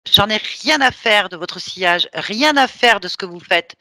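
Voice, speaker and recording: A woman's voice: medium pitch, expressive, moderate pace, sharp tone, no echo, clean studio sound. A woman leading a hypnosis session, giving firm, teasing commands.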